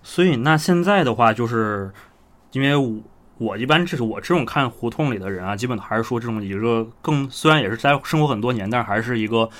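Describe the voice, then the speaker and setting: A man's voice: medium pitch, lively intonation, fairly quick, fairly bright tone. A man hosting a casual conversational podcast, asking rambling questions and paraphrasing what he hears. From China, outside Beijing. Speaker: podcast host.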